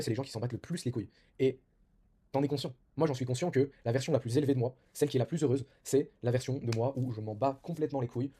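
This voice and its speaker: A young man rattles off casual self-improvement advice at a very rapid clip. His voice is dark and husky, and his talk is loose and informal, full of fillers and false starts. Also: mid-range voice.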